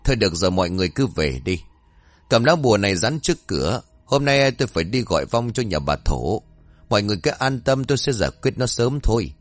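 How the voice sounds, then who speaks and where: A man voicing a greedy fake village medium woman who bosses people briskly and fakes a dead mother's voice. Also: fairly low pitch, very animated, no echo, faint music behind. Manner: brisk and bossy, then feigning a dead mother's voice.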